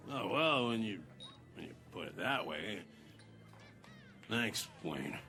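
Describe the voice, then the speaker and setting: An actor playing a drunk, belligerent bar patron in a video game, slurring and spoiling for a fight. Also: male voice, fairly high pitch, very animated, slow pace, vocal fry, sharp tone, faint music behind, heavily acted. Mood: mollified. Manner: slurred, blustering, picking fights.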